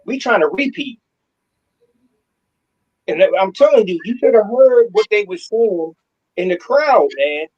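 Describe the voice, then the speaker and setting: Husky high-voiced man, fired-up sports talk. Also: expressive, unhurried, long pauses, a little mellow, lo-fi sound. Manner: fired-up, slangy, repeats himself. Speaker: podcast co-host. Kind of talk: casual sports chat.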